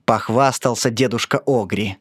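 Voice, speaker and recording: A narrator reading a children's story aloud in an expressive, sing-song way. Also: mid-range voice, moderate pace, breathy edge, no room sound, clean studio sound.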